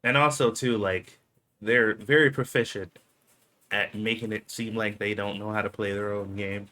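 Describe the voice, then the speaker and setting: A man co-hosts a live stream in an easy, slangy way, talking in a somewhat low voice. He is loose and animated and laughs often as he chats. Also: moderate pace. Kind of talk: casual chat.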